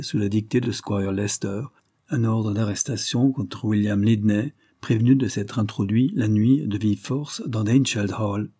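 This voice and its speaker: Male audiobook narrator: low, mellow, husky, even delivery. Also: no room sound, studio quality. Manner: steady, even reading. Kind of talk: scripted narration.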